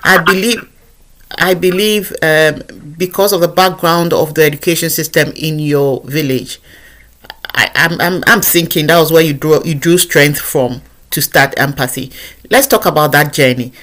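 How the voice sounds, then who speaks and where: A woman's voice: sits low, normal speed, fairly bright tone. A woman from Ghana, hosting a podcast interview in an earnest, emphatic way and often repeating phrases as she thinks. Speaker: podcast host.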